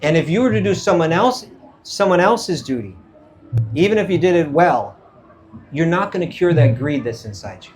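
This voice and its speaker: A man with a slightly high, lively voice gives an informal scripture talk to a live audience as a spiritual teacher, speaking at normal speed, checking in with listeners and acting out quoted dialogue. An event microphone picks him up with a little hiss or hum.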